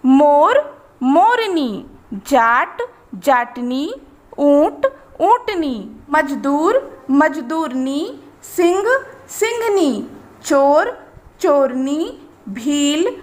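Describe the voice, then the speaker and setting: A woman teacher giving a grammar lesson, reading word pairs in a measured list and explaining each rule. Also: sits high, lively intonation. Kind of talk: slow, deliberate grammar lesson.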